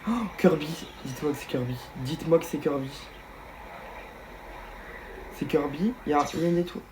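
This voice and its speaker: A young man reacting live to a game showcase, talking straight to his viewers and breaking into excited outbursts. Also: on the high side, a little fast, background noise. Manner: excitable, bursts into shouts of delight; talks straight to viewers as "les gars".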